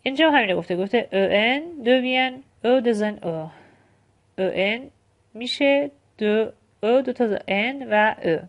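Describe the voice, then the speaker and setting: A woman whose first language is Persian teaches French grammar in an online lesson, explaining step by step and reading French examples slowly and deliberately. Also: fairly high pitch, expressive, highs cut off.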